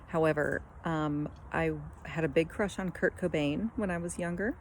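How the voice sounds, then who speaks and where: A woman's voice: low voice, normal speed, slight background noise. A woman leaving a candid, self-deprecating video message for a friend.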